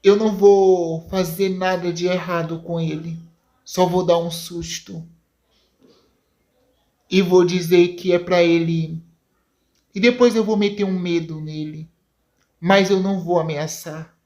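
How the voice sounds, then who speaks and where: Scheming villain mother, hushed, low, deliberate, woman doing the voice. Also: steady tone, natural voice.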